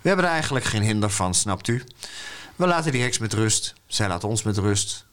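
A man's voice: fairly low pitch, lively intonation, a little fast, fairly bright tone. A man reading aloud from a children's book, voicing a wary, plain-spoken farmer. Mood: cautious.

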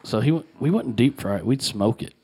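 A man's voice: medium pitch, expressive, a little fast, a little mellow, a little hiss or hum. A man from Southern Arkansas with a Southern accent, chatting casually as a co-host and telling teasing stories. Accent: Southern American. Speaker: podcast co-host. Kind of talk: casual chat.

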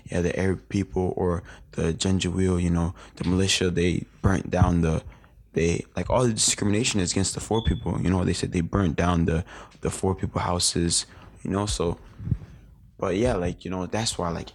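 A man's voice: sits low, fairly even intonation, normal speed, vocal fry, a little mellow, breathy edge. A young man in his late teens, a guest in a casual interview, rambling through his memories with lots of filler words and restarts.

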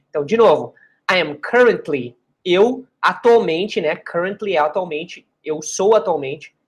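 A woman's voice: on the low side, slightly rough. Woman teaching English phrases. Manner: repeats English phrases slowly and carefully, chatty asides. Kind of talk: explaining an online language lesson.

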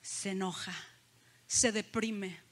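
A woman's voice: mid-range voice, steady tone, slow pace. A woman preaching a sermon, talking to the congregation and putting questions to them. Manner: conversational, asks the congregation questions.

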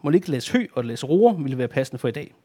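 A man voicing a kindly, fussy gentleman with a pipe and moustache in a children's story, flustered and well-meaning. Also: medium pitch, sing-song. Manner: warm-hearted, flustered.

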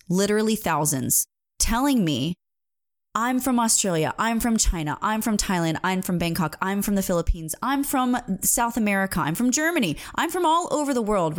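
A singing coach in her thirties gives an earnest, emphatic motivational talk, weaving in personal stories. Her voice is mid-range.

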